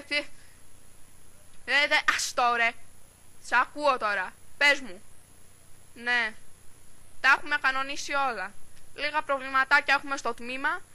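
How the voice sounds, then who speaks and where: A woman playing a gruff, bossy male party official in an amateur comedy sketch, barking brusque orders. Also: high voice, sharp tone, poor audio.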